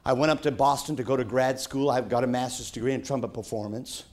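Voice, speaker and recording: A middle-aged man preaching a sermon, telling a personal story with folksy, dramatic swings from shouts to hushed tones. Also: mid-range voice, steady tone, fast talker.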